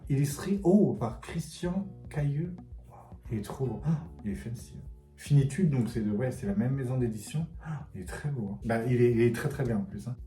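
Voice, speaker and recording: A man hosting a casual book cover quiz vlog, thinking aloud and often trailing off softly. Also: mid-range voice, normal speed. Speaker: book vlogger. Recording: roomy echo, faint background music.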